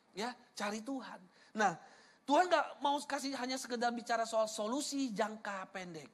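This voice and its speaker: A man from Sumatra delivers a sermon in a bright, keen voice. He keeps asking the congregation questions and addresses them directly. He mixes humor and personal stories into an easy, chatty flow. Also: high voice. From Sumatra, Indonesia. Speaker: preacher.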